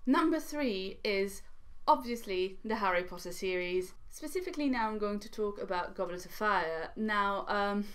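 A woman's voice: mid-range voice, normal speed, few pauses. Chatty young French woman book vlogger. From France. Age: young adult. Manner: chatty, animated, frequent ums and uhs. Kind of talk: casual chat to camera. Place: small indoor living room by a fireplace.

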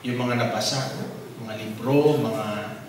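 A priest tells a personal story in his sermon and acts out each voice with animation. His mid-pitched voice comes from a distance and rings through a very echoey hall. Faint noise sits under the voice. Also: takes it slowly. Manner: animated storyteller acting out dialogue. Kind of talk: sermon testimony.

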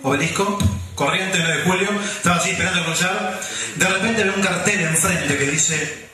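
A man with a Rioplatense accent delivering a deadpan stand-up monologue to a live audience. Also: sits high, normal speed, faint music behind. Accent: Rioplatense Spanish. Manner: deadpan storytelling with punchlines. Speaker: comedian. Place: event hall with a live audience. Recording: echoey hall, distant mic, loud crowd. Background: audience laughter.

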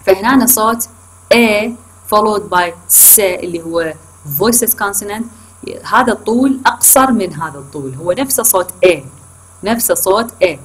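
A university lecturer with an Iraqi Arabic accent gives a recorded online lecture, mixing English terms into her explanations, correcting herself often and checking in with her students through questions. Her animated, medium-pitched voice is a little slow and slightly rough, and the audio is poor.

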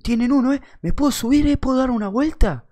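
A man's voice: very high voice, fast, dark tone, voice pushed up. A young man with an Argentine accent voicing a drunk bearded man in his twenties who whines and pleads like a stubborn child. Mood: pleading. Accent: Argentine Rioplatense. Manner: whiny, pleading.

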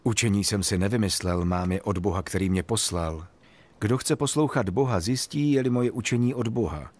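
A man voicing Jesus, solemn and measured. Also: fairly low pitch, a little mellow, lightly acted. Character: Jesus, calm authoritative male teacher. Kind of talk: Bible story narration.

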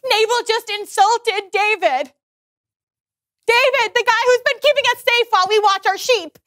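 A woman's voice: very high-pitched, normal speed, fairly bright tone, no echo, clean studio sound. A woman playing a timid, flustered servant messenger in a comic children's Bible sketch, hesitant and exaggerated. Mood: anxious.

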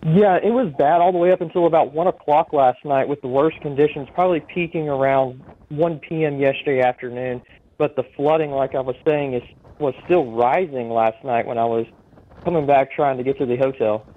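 A man's voice: mid-range voice, a little fast. Man reporting over a thin phone line. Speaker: storm chaser giving eyewitness report. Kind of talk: live phone interview report. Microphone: telephone.

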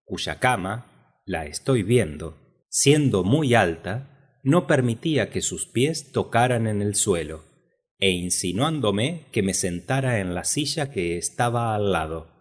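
A man reading a memoir as an audiobook, with measured, expressive storytelling. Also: fairly low pitch. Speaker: narrator.

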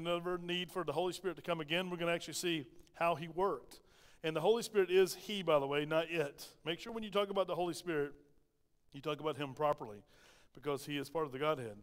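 A man's voice: a little high, smooth. A man with a Southern American accent, preaching a sermon in a church and asking the congregation plenty of rhetorical questions. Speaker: pastor. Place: church sanctuary. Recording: long reverb of a church hall.

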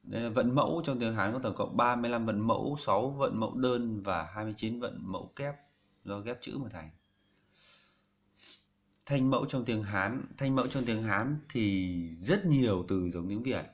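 A man's voice: on the low side, normal speed. A man teaching a casual language lesson, repeating each syllable after a recording and then explaining it plainly. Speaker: Chinese teacher.

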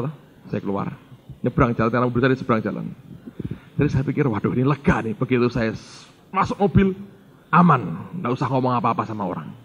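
A man's voice: medium pitch, highs cut off, a little hiss or hum. A middle-aged male pastor, telling a story in a sermon and acting out the dialogue while addressing the congregation.

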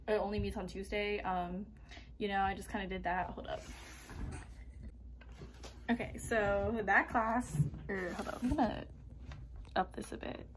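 A young woman talks casually into her phone camera, the way a student vlogger would. Her voice sits in a middle pitch, and her delivery is chatty and upbeat, loose with fillers. A faint noise floor hums under the recording. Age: 20s. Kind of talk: casual vlog chat.

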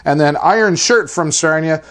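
A man's voice: fairly high pitch, normal speed, a bit bright. A middle-aged man hosting a music show, chatty and enthusiastic, making promotional announcements from a studio set with a lapel mic. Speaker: host.

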